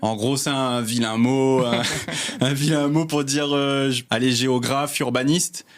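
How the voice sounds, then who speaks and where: A young man talks casually as an interview guest. His voice sits at an ordinary middle pitch, and he rambles gently with fillers and easy laughs. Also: unhurried. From Réunion. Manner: relaxed, many fillers, laughs easily. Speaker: guest, cartographer.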